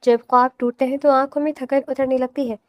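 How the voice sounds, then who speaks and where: A woman with a high voice reads a romantic novel aloud as scripted audiobook narration, soft and steady. The recording is close and dry, with no room sound and no echo.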